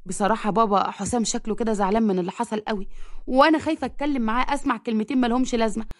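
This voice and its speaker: A worried, gentle mother pleads softly in quick Egyptian speech, as a woman puts her on. The voice is pitched fairly high and sounds dry and close to the mic. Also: fairly even intonation, no room sound, natural voice.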